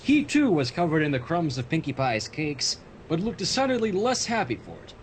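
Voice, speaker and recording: Reading fan fiction on his livestream, a man talks briskly with big swings in pitch and breaks off for humorous side comments. Noise and a low rumble run through the recording.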